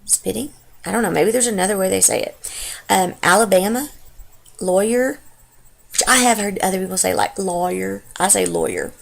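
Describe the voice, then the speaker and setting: A young stay-at-home mom with a heavy Texas accent rambles through a casual, unscripted home vlog, partly from her living room, using lots of fillers. Her medium-pitched, gravelly voice moves at a moderate pace and is captured on her computer's webcam mic.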